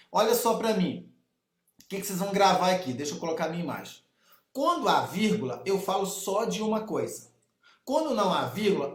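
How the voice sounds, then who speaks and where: Brazilian male teacher, high voice, lively and repetitive, echoey room. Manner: lively, addresses students directly, repeats key rules. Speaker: Portuguese teacher for exam candidates. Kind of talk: exam prep lesson.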